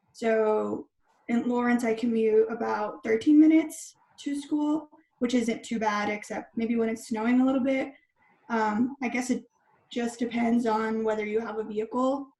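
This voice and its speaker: A woman's voice: a little high, fairly even intonation, moderate pace, dark tone. A young woman in her twenties from Texas, a law student answering casually with lots of fillers. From Texas, USA. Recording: roomy echo.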